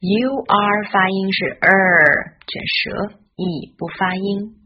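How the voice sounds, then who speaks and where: A woman giving a scripted English pronunciation lesson in Chinese, spelling out letters and modeling each sound slowly. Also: medium pitch, fairly even intonation, dull audio, slight background noise.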